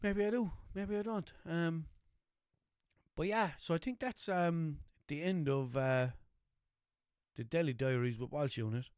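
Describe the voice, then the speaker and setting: A young Irish man with a Limerick accent hosts a podcast, rambling chattily, swearing freely, and checking in with listeners by asking "know what I mean". His voice is a little high and darkish, the pace a little slow, and the sound clean studio audio with no room sound.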